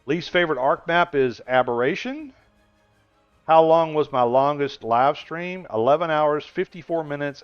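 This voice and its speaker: A man in his sixties, with a clean-toned, mid-range voice, chats casually on a gaming live stream. He answers viewers with lots of rambling and laughter. The recording is dull lo-fi stream audio without echo.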